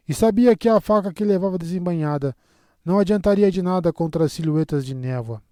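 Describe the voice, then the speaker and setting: A man with a Brazilian Portuguese accent reading an audiobook in a steady, measured way. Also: fairly high pitch, no room sound, studio quality. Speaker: audiobook narrator. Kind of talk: audiobook narration.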